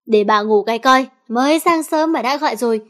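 A short-fused teenage girl dragged out of sleep , voiced by a woman storyteller. She grumbles and scolds in a somewhat high voice. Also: brisk, a bit bright, lightly acted. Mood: grumpy. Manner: grumpy, scolding.

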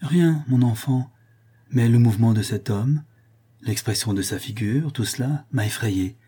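A man voicing a gentle, timid middle-aged mother in an audiobook, speaking softly and fearfully. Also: mid-range voice, measured pace, breathy edge. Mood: anxious. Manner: soft, fearful. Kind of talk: audiobook character voice.

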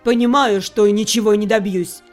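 A woman voicing a calm, genial older king with a measured, gently patronizing manner. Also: medium pitch, soft background music, voice pushed down, natural voice.

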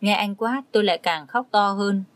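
A woman's voice: mid-range voice, moderate pace, no echo. Woman reading a confiding story. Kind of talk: first-person romance story reading.

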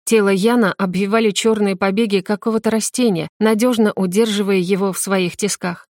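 A woman reading a first-person fantasy novel aloud in a steady, clear storytelling manner. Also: mid-range voice, fairly quick, no room sound, studio quality. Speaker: audiobook narrator.

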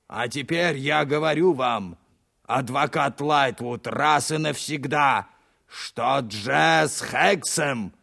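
A very gravelly, creaky working-class informer in an audiobook. He is sly and self-pitying, wheedling slowly in a fairly high voice with a sanctimonious whine. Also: a bit bright, exaggerated voice. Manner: wheedling, sanctimonious, drawn-out pleading. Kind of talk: dramatized audiobook reading.

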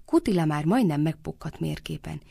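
Brief: female radio storyteller, low husky-gravelly tone, dry studio sound. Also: no echo. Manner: steady narration, voices the characters.

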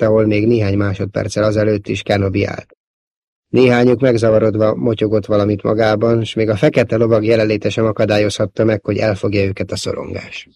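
A man narrating a novel as an audiobook in a steady, measured reading. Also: on the low side, vocal fry, no echo.

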